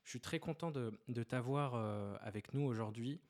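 A man's voice: medium pitch, normal speed. A man hosting a podcast, reading a scripted intro and then asking questions with frequent hesitations. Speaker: podcast host.

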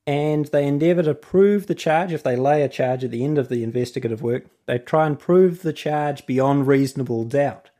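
With a fairly high, mellow voice and a New Zealand accent, a man who is both host and legal author gives a casual explanatory talk. He drifts into asides before picking up his thread again.

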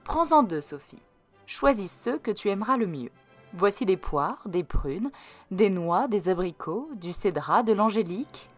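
A woman reading aloud gives voice to a kind and composed mother from an old storybook, speaking gently and instructively to the children. Her speech moves with a lively, melodic rise and fall over faint background music. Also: mid-range voice, unhurried. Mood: gentle.

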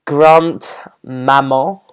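A man hosting a podcast in casual chat, reading names out haltingly, tripping over pronunciations and laughing at himself. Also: medium pitch, fairly even intonation, clean tone. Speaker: podcast host.

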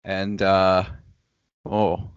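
A man's voice: low voice, monotone, extremely slow, clear, resonant tone, no room sound, highs cut off. A man hosting a casual podcast chat, playful and teasing, recorded over a video call. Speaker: podcast host.

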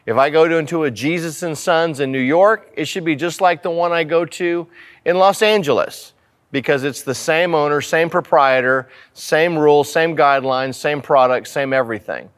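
A man's voice: on the high side, normal speed. A man preaching as a pastor in a church sanctuary, teaching from scripture and repeating phrases for emphasis with rhetorical questions.

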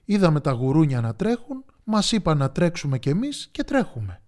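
A man voicing a herd of confused elephants from a storybook, calling out in loud, drawn-out, lively voices. They sound puzzled and swept along by the crowd. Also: on the high side. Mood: bewildered.

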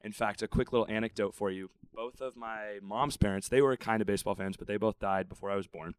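A man's voice: fairly low pitch, fast talker, clean tone, dry recording. A man, a podcast guest telling candid, self-deprecating stories. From Southern California. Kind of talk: casual interview.

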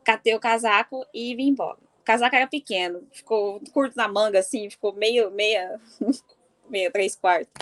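A woman from do Sul, casually telling a personal story in an animated way and laughing often. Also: mid-range voice, normal speed. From Mato Grosso do Sul, Brazil. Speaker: football fan.

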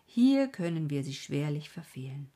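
A woman's voice: deep voice, big pitch swings, normal speed, warm tone, full character voice. A woman voicing a genial middle-aged doctor who dryly mocks and lectures his young nephew. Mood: wry. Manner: dry, mocking, lecturing.

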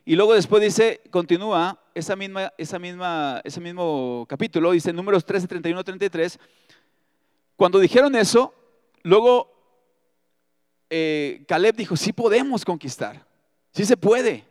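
A man preaching a sermon as pastor, reading scripture aloud and breaking in with lively, joking asides. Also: high voice, normal speed, clean tone, no echo, clean studio sound, big-room sound. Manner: expressive, reads scripture aloud with asides and humor.

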